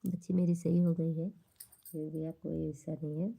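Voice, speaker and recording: A woman's voice: deep voice, flat delivery, normal speed, vocal fry, dark tone. A woman with an Awadhi-tinged Hindi accent, chatting casually on her livestream and bluntly scolding rude commenters. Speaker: livestream host. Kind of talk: casual livestream chat with viewers.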